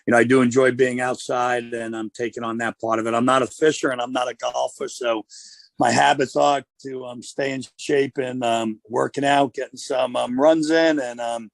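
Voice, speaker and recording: Male football coach as a radio guest; gravelly, steady, measured delivery, dry close sound. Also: medium pitch, no echo.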